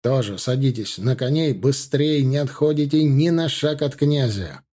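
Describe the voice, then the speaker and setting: A man's voice: mid-range voice, expressive, moderate pace, mellow, lightly acted. A man reading an audiobook, voicing a battle-hardened general who barks commands in the thick of a fight. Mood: commanding. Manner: barking commands. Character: battle-hardened male general shouting orders. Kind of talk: audiobook narration.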